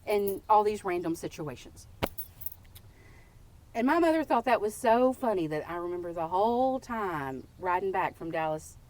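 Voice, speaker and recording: A woman's voice: medium pitch, normal speed, slight background noise. Playful woman telling stories. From Texas. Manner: lively, playful and warm-humored. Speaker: podcast guest. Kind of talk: casual storytelling.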